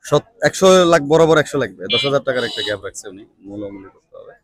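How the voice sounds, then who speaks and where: A man hosts a market vlog outdoors, speaking slowly and softly as he haggles with sellers and talks to viewers. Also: mid-range voice, animated, no echo. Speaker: market vlogger host. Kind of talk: walking vlog, bargaining and addressing viewers.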